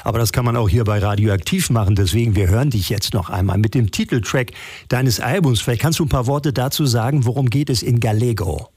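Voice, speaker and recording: A man's voice: mid-range voice, a little fast, darkish tone, breathy edge, no echo, clean studio sound. A man hosting a radio interview, asking friendly questions. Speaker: radio host.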